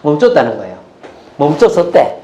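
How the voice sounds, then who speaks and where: A male pastor preaching a sermon, animated, often putting questions to the congregation. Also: a little high, moderate pace, roomy sound, slight background noise. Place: church.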